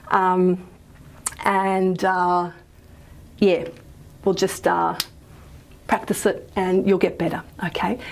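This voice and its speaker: With a mid-range, slightly mellow voice, a woman lectures on phonetics in a casual recorded class. She pads her talk with ums and repeated "okay?" checks, demonstrates example consonants, and pauses to write and erase on the board.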